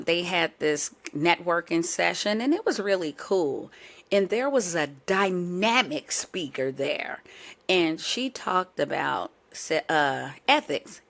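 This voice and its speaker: A woman's voice: low-pitched, gravelly, fairly bright tone. A young adult woman hosting her own podcast. She has a sore throat and chats playfully, speaking straight to her listeners. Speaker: podcast host. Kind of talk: casual chat.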